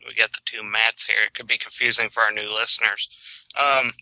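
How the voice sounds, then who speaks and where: A man's voice: fairly low pitch, little pitch movement, fairly quick, bright, forceful tone, no echo, rough recording. A man co-hosting a podcast, speaking in casual interview chat. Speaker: podcast co-host.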